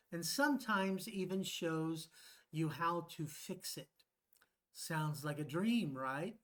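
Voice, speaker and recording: A man, an English professor, presenting a playful scripted video lesson. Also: on the high side.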